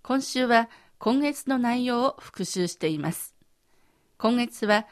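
A woman co-presenting a radio language lesson who says each phrase slowly and carefully, modeling pronunciation. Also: a little high, expressive, no room sound, clean studio sound.

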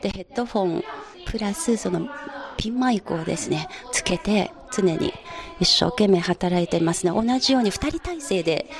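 A woman's voice: mid-range voice, expressive, normal speed. A woman field reporter giving a polite, descriptive live news report on location. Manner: descriptive, polite, sometimes hushed.

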